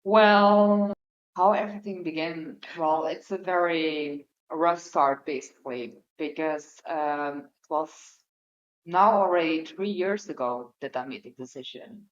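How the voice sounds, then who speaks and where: A woman's voice: low-pitched, a little slow. A young woman from the Netherlands, a podcast guest, telling her own story openly with a lot of hesitation and fillers. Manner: open, hesitant, many fillers. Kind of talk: candid personal conversation. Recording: dull lo-fi audio.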